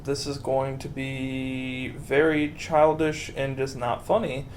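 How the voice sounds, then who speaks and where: A man's voice: mid-range voice, little pitch movement, a little hiss or hum. A man bantering crudely and jokingly on a film podcast. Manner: joking, crude, drawn-out phrasing. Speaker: podcast co-host.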